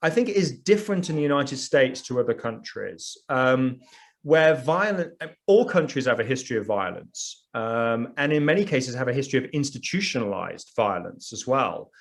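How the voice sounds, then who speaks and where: A man with a British accent, a sociologist answering panel questions in a relaxed, conversational way with frequent fillers. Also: medium pitch, normal speed, creaky. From United Kingdom.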